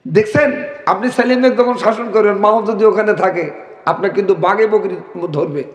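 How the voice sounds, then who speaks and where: A man giving a humorous sermon, telling stories with animated bursts of shouting and urging the crowd to respond. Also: high-pitched, moderate pace, highs cut off. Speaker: Islamic preacher. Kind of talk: humorous Bengali waz sermon. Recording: echoey hall over loudspeakers.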